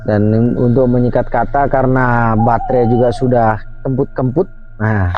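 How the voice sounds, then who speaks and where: A man of medium pitch and steady tone, speaking at normal speed, hosts a night outing outside and sincerely tells a true story. His delivery is emphatic and packed with fillers; the recording is lo-fi with faint music.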